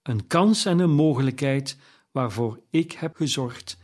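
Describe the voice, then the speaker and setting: A tormented male ghost, as a storyteller puts him on, lamenting his wasted life in a slow, mournful, declaiming voice. His pitch sits in an ordinary middle range for a man. It is the storybook voice of a dead man doing penance. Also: animated, a little mellow. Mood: solemn.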